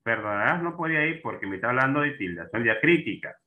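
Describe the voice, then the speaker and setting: Male teacher, mid-pitched voice, prompting students over tinny video-call audio. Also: expressive, fast talker. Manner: checks in often with students, asking and prompting. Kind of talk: online class on Spanish accent marks.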